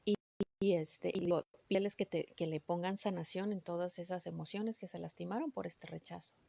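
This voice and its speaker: A woman's voice: lowish voice, fairly even intonation, fairly quick, gravelly, dark tone, no echo, muffled recording. A woman recounting a spiritual healing session in an earnest, emotional way, often stopping and restarting. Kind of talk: personal storytelling.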